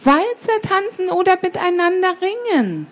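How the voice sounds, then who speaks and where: A woman's voice: extremely high pitch, very animated, moderate pace, voice pushed up. A woman reading a children's story aloud and voicing a sly, lying female cat who coaxes and meows. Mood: coaxing. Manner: coaxing, purring with meows. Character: sly sweet-talking female cat, a liar.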